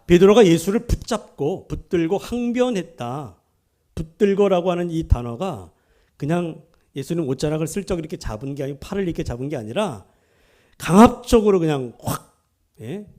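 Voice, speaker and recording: High-voiced emphatic male pastor. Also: animated, moderate pace, dark tone. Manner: emphatic, asks the listeners rhetorical questions; acts out quoted speech within the preaching. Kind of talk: sermon.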